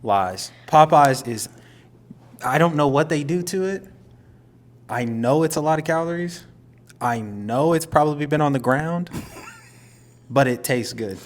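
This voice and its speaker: A man's voice: fairly high pitch, lively intonation, unhurried, long pauses. A young man co-hosting a casual couple's podcast, teasing dryly and laughing often. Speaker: podcast co-host.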